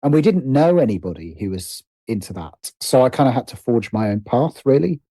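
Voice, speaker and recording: Here the middle-aged British writer-producer, interviewed on a podcast, is very animated and talks a little fast in a mellow, mid-range voice. Still casual and reflective, he thinks aloud with hesitation and self-deprecating humor, and there's no room sound.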